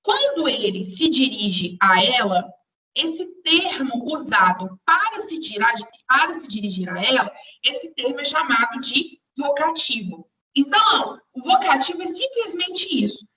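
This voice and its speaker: A woman's voice: high voice, big pitch swings, a little slow, pushed and bright, distant mic. A woman teaching a live online grammar class, patiently repeating explanations and speaking straight to her students. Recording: roomy echo, voice away from the mic.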